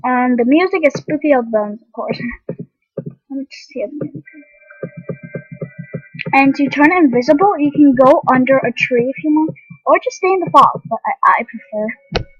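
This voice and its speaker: A woman's voice: high-pitched, lively intonation, normal speed, long pauses, no room sound, lo-fi sound, soft background music. A young woman giving rambling, casual commentary on an online game, full of ums and restarts. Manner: eating while talking. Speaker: game vlogger.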